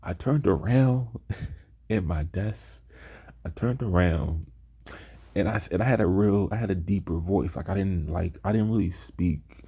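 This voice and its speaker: Young guy with a real low, dark, slightly husky voice, laid back, telling school stories. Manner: laid-back, slow, with mimicked voices of classmates. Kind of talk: casual storytelling.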